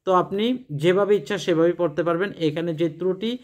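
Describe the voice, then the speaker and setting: A man teaching how to recite the daily prayers, explaining plainly and then chanting each phrase slowly and carefully, repeating words to correct pronunciation. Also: high voice. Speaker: religious teacher. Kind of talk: instructional prayer recitation lesson.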